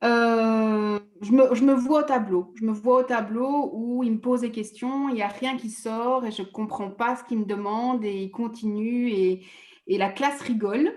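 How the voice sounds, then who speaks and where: A therapy client talks about personal matters in a slightly high, steady, somewhat mellow voice. She stops and starts frequently, laughing self-consciously at herself, and the recording carries reverberation.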